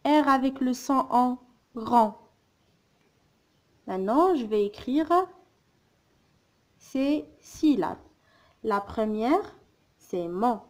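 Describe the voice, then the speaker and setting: Woman teacher, fairly high voice, drawn-out phonics drill, very slow. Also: lively intonation, a little mellow. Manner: sounds out words slowly, repeating syllables. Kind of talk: slow, careful phonics lesson.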